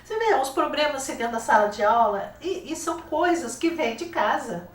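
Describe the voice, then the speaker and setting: Older Brazilian woman, teacher guest; animated storyteller who voices her quotes, fairly high voice, roomy, off-mic studio sound. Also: brisk, distant mic. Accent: Brazilian Portuguese. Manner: lively, acts out quoted dialogue. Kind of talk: casual interview storytelling.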